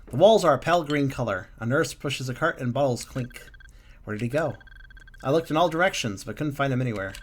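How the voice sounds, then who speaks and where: A man reading a text game aloud with a calm, musing delivery and small slips and asides. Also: medium pitch, quick pace, few pauses.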